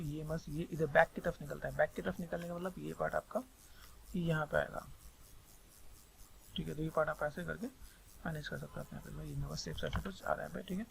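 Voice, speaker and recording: Speaking quickly over a screen recording of a sculpting tutorial, a man with a Hindi accent rambles and keeps repeating the same filler phrases. His voice is slightly high with a gravelly edge, and a faint noise hums beneath it.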